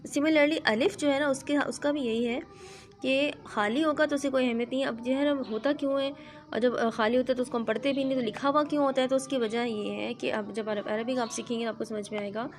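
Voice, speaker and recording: A woman, teaching a Quran reading lesson to a child in a patient, explanatory way, checking in often. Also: fairly high pitch. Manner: patient, explanatory, frequent "theek hai" check-ins.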